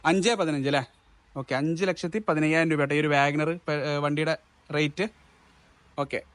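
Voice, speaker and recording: A man's voice: on the high side, steady tone, moderate pace, fairly bright tone, dry recording. A man with a Kerala accent hosting a casual used-car video, mixing English words into Malayalam and repeating answers back as questions. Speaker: car showroom video host. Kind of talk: casual vlog interview about used cars.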